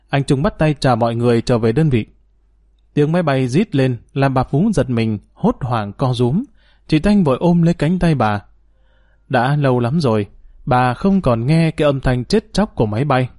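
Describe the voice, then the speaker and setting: A man reading a serialized story aloud in a calm, measured, formal storytelling manner as the program's host. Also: medium pitch, dry recording, studio quality. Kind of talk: scripted story narration.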